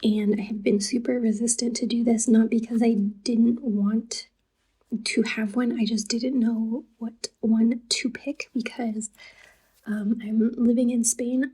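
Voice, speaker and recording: Soft-spoken breathy woman vlogger. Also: fairly high pitch, rough recording. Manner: chatty and loose, with casual asides. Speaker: language learner vlogger. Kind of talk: casual chat to camera.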